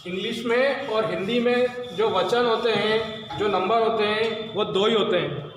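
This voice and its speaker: A man's voice: high voice, measured pace. A male teacher from India giving a blackboard lesson, explaining step by step and asking and answering his own questions. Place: classroom with blackboard. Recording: very echoey room, long reverb, faint noise.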